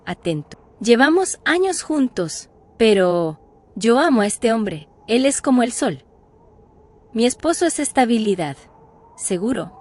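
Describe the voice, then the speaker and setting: A woman voicing a carefree married woman who speaks calmly and matter-of-factly in a narrated story. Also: medium pitch, lightly acted. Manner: calm, matter-of-fact.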